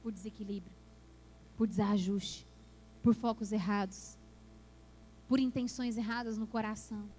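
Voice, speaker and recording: A woman's voice: mid-range voice, fairly even intonation, a little slow, pauses often, warm tone. A woman pastor preaching a passionate sermon that builds to emphatic peaks in a church. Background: worship music.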